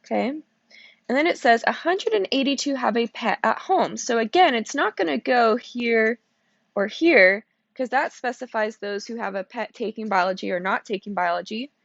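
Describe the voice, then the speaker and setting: A woman's voice: fairly high pitch, expressive, normal speed, creaky, dry recording, highs cut off. A woman teacher walking through probability problems step by step, sleepy and checking in with "okay?" as she goes. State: sleepy, yawning. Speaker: math teacher. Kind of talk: recorded classroom lesson walkthrough.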